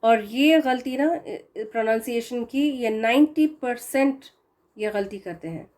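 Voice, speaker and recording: A woman teaching Quran pronunciation, drawing out each example sound slowly and explaining common mistakes. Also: on the high side, darkish tone. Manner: slow, drawn-out demonstration of sounds. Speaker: tajweed teacher.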